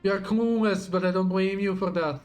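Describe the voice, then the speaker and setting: A man playing a grandiose, zealous warlord villain in a game, delivering a slow, theatrical, menacing monologue. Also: high voice, steady tone, soft background music, voice pushed up, lightly acted. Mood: contemptuous, menacing. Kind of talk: dramatic read-aloud of video game villain dialogue.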